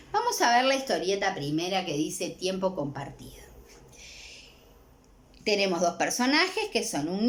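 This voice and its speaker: Lively Uruguayan woman teaching a lesson. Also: mid-range voice. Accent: Uruguayan Spanish. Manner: warm, checks in with repeated "¿sí?". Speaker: language teacher. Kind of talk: recorded exam-prep lesson.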